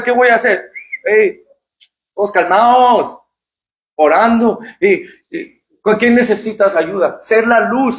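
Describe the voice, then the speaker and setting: A man, a pastor, giving an impassioned sermon, repeating phrases and shouting at the high points. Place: church. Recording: echoey church hall.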